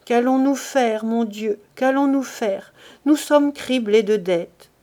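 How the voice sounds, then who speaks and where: A woman voicing a manipulative middle-aged wife who speaks in a soft, plaintive tone. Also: a little high, measured pace, natural voice. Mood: feigned despair. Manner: feigned despair, soft and plaintive.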